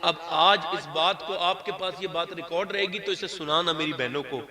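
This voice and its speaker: A man preaching a sermon to a gathering, impassioned, rising to loud shouts as he addresses the crowd directly. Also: fairly high pitch, normal speed. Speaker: Islamic preacher.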